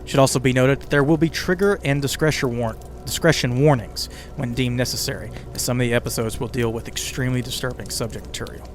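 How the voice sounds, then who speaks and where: With a crackling fire and ambient music in the background, a podcast host and writer moves through his conversational scripted narration at a quick pace with few pauses, sprinkling in asides to the listener. His voice is mid-range.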